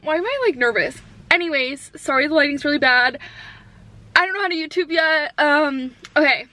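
Young woman vlogger, high voice, jittery chatty first-timer, camera held in hand in her car. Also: lively intonation, normal speed, noisy background. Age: 20s. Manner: nervous, giggly, rambling with many likes. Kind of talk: casual vlog chat.

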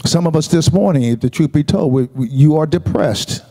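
Guy preaching a sermon, soft dark tone, lots of repeats and calls to the crowd. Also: fairly high pitch, expressive, a little fast, vocal fry. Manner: preaching with call-and-response asides; repeats words and restarts often. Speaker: pastor.

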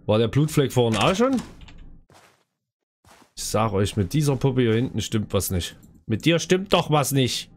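A man's voice: mid-range voice, big pitch swings, a little slow, long pauses, a little hiss or hum. A man giving casual let's play commentary on a horror game, a scared, jumpy streamer who talks to viewers and to the game's characters.

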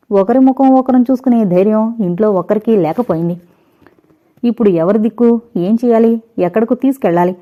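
A woman narrating a first-person audio novel in a measured, reflective storytelling manner, recorded on slightly dull, lo-fi audio. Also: medium pitch.

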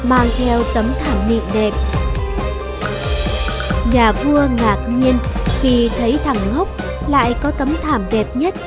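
Slow, high-voiced woman narrating a Vietnamese folktale. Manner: measured storybook reading. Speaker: storyteller narrator. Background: background music.

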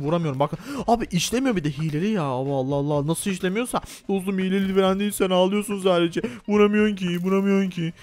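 Young male game host, high voice, rapid-fire, excitable and yelping. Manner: excitable, yelps and gasps on the rides. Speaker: gaming video host. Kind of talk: playful gameplay role-play commentary.

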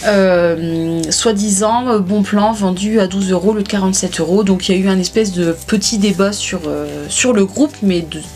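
A woman's voice: medium pitch, normal speed, few pauses, a little mellow, soft background music. A woman, chatting casually to camera about her beauty purchases, with lots of hesitations and restarts. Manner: chatty, many fillers and restarts. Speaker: beauty vlogger. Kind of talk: casual haul chat to camera.

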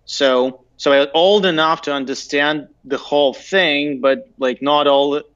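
A man in his thirties with a Belarusian accent, telling stories casually and haltingly as an interview guest. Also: on the high side, fairly even intonation, a bit bright. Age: 30s. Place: indoor room, video call. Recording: dull lo-fi video-call audio.

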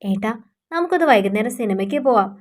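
A woman voicing a hurt young housewife who pleads and complains softly. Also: a little high, lively intonation, quick pace, natural voice. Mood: pleading.

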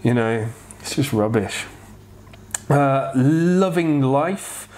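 A man in his thirties talks in a medium-pitched, wheezy voice, short of breath and a little unwell. He answers questions in a casual, frank and rambling style. It sounds like an informal vlog recorded on a clip-on mic at home. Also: animated, extremely slow, a little mellow. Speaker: vlogger answering viewer questions. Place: home kitchen, indoors. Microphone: clip-on lapel mic.

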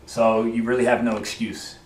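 A man's voice: medium pitch, little pitch movement, normal speed, roomy sound. A man presenting as a personal trainer in a supermarket aisle, emphatic and coaxing as he gives shopping rules. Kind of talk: instructional presenting.

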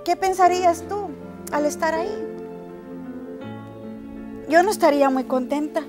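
A woman's voice: very high-pitched, a little slow, music in the background. A woman pastor preaching a sermon in an impassioned, pleading way.

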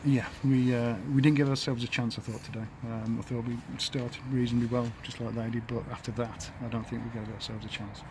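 A man in his fifties, an English football manager, giving a halting post-match interview outdoors by the pitch, full of fillers and restarts. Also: level tone. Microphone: handheld camera at close range. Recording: outdoor noise behind.

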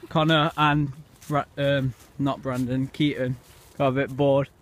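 Out in the lakeside woods, a teenage boy talks into a handheld phone for a casual camping vlog, using a level, medium-pitched voice at a measured pace. His talk rambles and is heavy with fillers, quieter and hushed at night, with wind noise picked up by the phone.

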